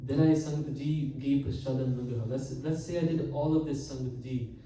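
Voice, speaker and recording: A Sikh preacher from Canada gives katha, an earnest sermon in which he often calls out to the congregation and slows down to stress key words. His dark, mellow voice sits at medium pitch with a steady tone. It echoes heavily through a large hall, captured from a distance over a faint hiss.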